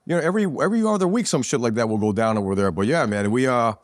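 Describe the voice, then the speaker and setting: With an animated, racing delivery and a mid-range voice, this podcast guest rambles through profane stories in a street-talking way. He's a business owner in his forties from New Jersey, speaking casually at a pizzeria, captured in a dry, studio-quality recording.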